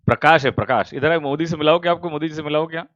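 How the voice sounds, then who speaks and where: A male commerce teacher, at home, in casual chat with students before an online class, teasing them warmly. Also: on the high side, very fast, no room sound. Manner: teasing, affectionate, calls students beta. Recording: dull, dry lo-fi sound.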